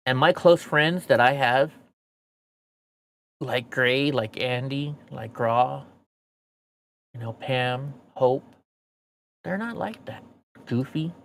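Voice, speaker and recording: An American streamer and show host with missing front teeth vents bluntly to his viewers in a casual, profane monologue, swearing as he rambles. His mid-range voice is creaky, with a little hiss or hum in the recording.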